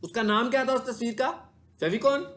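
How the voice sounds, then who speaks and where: A man's voice: very high-pitched, normal speed, fairly bright tone. A man teaches a class while showing his screen. He keeps asking his students questions and answers them himself. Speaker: digital marketing instructor. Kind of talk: classroom lecture with screen demo.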